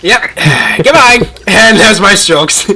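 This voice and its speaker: An excitable player chatting casually and exclaiming while playing a game in a voice call. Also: medium pitch, slow. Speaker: player in a group gaming video. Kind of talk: casual gaming chat and reactions.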